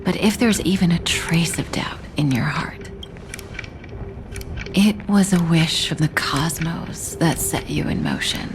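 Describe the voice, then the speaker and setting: Slow, low, enigmatic seer. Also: female voice, background noise. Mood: solemn. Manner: measured, solemn, soft with breathy whispered words. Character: enigmatic, composed female seer giving gentle guidance. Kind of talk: scripted game character acting.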